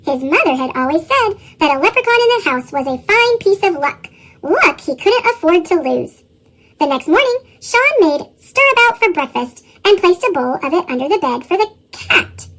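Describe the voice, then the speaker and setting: A storybook narrator whose voice is run through a sped-up chipmunk effect, reading a tale aloud with lively chuckles in the dialogue. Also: normal speed. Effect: sped-up, pitched-up chipmunk voice.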